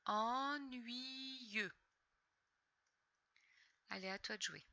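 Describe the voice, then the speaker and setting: A woman's voice: mid-range voice, unhurried, vocal fry, pushed and bright, no echo, dull audio. Patient woman teacher sounding out syllables. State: slightly sore throat. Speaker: primary school teacher. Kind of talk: recorded reading lesson for young children.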